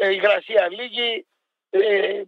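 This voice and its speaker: Male radio co-host, high voice, dry and dull lo-fi sound, wry and grumbling. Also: steady tone, creaky, no echo. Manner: grumbling, wry, repeats himself. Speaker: radio sports show co-host. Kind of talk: casual sports radio banter.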